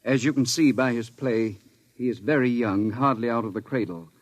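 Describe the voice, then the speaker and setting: An actor playing a proud, secretive older professor in a 1950s radio drama, formal and pedantic. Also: male voice, mid-range voice, normal speed, no echo, lightly acted.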